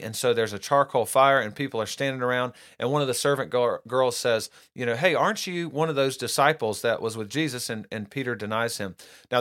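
A man gives a relaxed Bible lesson at a middle pitch. He talks in a loose, conversational way, often restarting his sentences and reading verses aloud between his explanations. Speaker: preacher. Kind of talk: casual Bible teaching.

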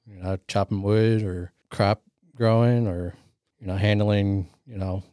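Shy farm-boy recruit voiced by a man, halting and stammering, lowish voice, dry close sound. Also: fairly even intonation, warm tone, dry recording, natural voice. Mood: nervous. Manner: hesitant, stammering. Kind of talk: improvised tabletop roleplay.

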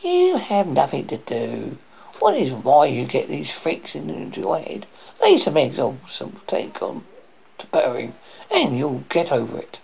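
A reader voicing a bossy, scornful little hen who lectures in a gravelly, husky voice. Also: mid-range voice, wildly swooping pitch, measured pace, a little mellow, exaggerated voice, rough recording. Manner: lecturing, haughty.

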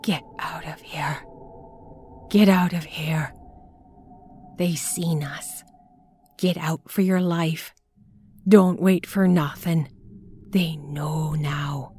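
A woman voicing a frantic, half-mad old woman who speaks in a rustic old-timer dialect and swings between shouting and hoarse whispers. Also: low-pitched, fairly even intonation, slow pace, heavily acted. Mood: terrified.

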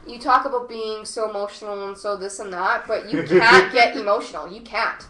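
A woman's voice: medium pitch, moderate pace, reverberant, a crowd in the background, rough recording. A young woman, a podcast guest, talking in casual banter, dramatic and teasing, swearing freely.

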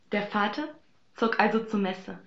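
A woman telling a fairy tale in a calm, even storytelling voice. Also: medium pitch, reverberant, muffled recording, heavy background noise.

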